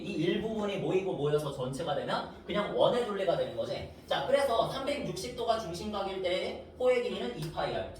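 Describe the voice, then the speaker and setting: A man teaches a math lesson at the board, his pitch moving up and down a lot as he keeps asking the class whether they follow. He is recorded from a distance in a very echoey room, with a faint hiss of noise behind him. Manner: coaxing, asks students check questions.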